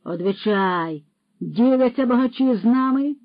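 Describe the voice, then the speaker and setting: Pompous, loud-lecturing male horse thief, put on by the audiobook narrator, a bit higher than the narration, dull dry storybook audio. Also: unhurried, no room sound, lightly acted. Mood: scolding.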